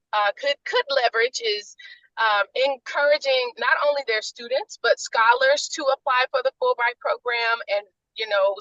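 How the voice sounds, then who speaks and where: Bright-voiced woman on a car speakerphone. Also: on the high side, dry recording. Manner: steady and earnest, with frequent ums. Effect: car speakerphone call. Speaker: nonprofit founder speaking up in an online meeting. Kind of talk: casual spoken comments in a video call. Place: inside a car while driving. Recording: dull lo-fi phone audio from a car.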